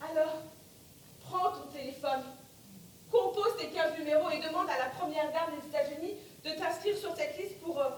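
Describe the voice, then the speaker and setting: A woman on stage playing a blunt, unimpressed doctor who gives bad news in a firm, sardonic, matter-of-fact way. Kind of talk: theatrical stage dialogue. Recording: distant mic, very echoey theatre, rumbling noise.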